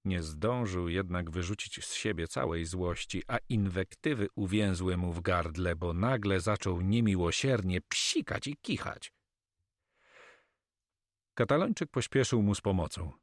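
Low voiced guy reading a story aloud, dry close mic. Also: a little slow, no room sound. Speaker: narrator. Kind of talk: audiobook narration.

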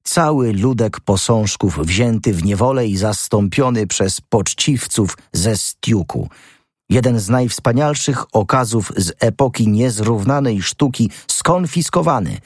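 A man reading the part of a brash young amateur detective, rising into excited, high-pitched outbursts. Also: measured pace, dry recording, clean studio sound. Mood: exalted. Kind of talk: audiobook character reading.

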